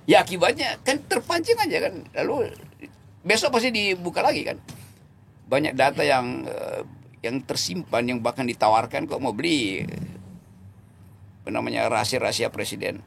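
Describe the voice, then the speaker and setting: In interview talk, a political commentator mocks sarcastically, laughing partway through sentences, repeating words and self-correcting while he searches for the right ones. His voice is a little high and fairly bright with vocal fry, expressive at a normal speed, against slight background noise.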